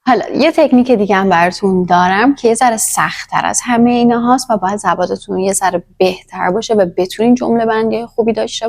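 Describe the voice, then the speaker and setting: A woman's voice: mid-range voice, vocal fry. A woman teaching a language in a casual, chatty lesson, talking straight to the viewer. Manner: chatty, addresses viewer directly.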